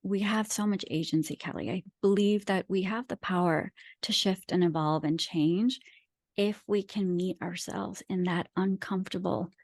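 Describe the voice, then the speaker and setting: Speaking at a moderate pace in a lowish, slightly mellow voice, a woman from Pakistan talks as an author and guest in a reflective interview. English is not her first language, and her manner is earnest, emphatic and philosophical. The studio-quality recording has no echo.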